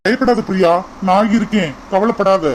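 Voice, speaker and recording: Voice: mid-range voice, normal speed, heavy background noise, close to an everyday voice. An earnest young man in a cartoon, voiced by an actor, coaxing and reassuring the woman he loves in a Kanyakumari Tamil accent. He keeps repeating her name as he talks her round. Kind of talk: cartoon voice acting.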